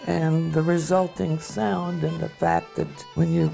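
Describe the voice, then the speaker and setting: An instrument maker speaks in a gravelly, mid-range voice about pieces in progress. The talk is quiet and reflective. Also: medium pitch, level tone, a little slow, music in the background. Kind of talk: interview.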